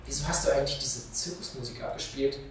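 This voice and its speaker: A man voicing an excitable young female snake creature who gushes and giggles breathlessly. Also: medium pitch, quick pace, a little hiss or hum, close to an everyday voice. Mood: excited. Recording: very echoey room, mic far off.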